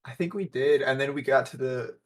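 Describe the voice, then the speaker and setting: A man playing a tabletop role-playing game, joking and quick to laugh. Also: medium pitch. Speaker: player. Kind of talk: casual tabletop game chat.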